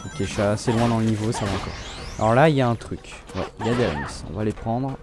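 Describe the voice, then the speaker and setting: A man's voice: on the low side, fast, over music. Chatty man commenting on his gameplay. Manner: chatty, relaxed, often restarts his sentences. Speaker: let's play host.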